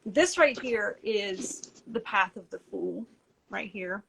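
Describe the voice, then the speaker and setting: A woman with an Appalachian accent giving an informal video lecture in a halting, conversational, self-deprecating way. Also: mid-range voice, creaky, crowd noise, low-quality recording. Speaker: presenter explaining esoteric tarot.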